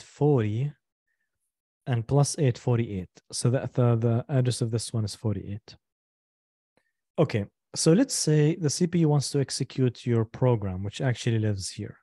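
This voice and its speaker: Patient man teaching in a dark voice. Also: mid-range voice, no room sound, studio quality. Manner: patient, repeats and slows down to explain step by step; asks the class for checks and questions. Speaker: instructor. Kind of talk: live online lecture.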